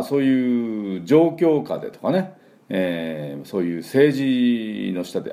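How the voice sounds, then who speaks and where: A man teaches English pronunciation with a deep, warm voice. His delivery swings widely in pitch as he demonstrates sounds. He slows right down to drill words for the listener to repeat. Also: vocal fry. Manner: lively, demonstrative, drills words slowly for repetition. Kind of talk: spoken English pronunciation lesson.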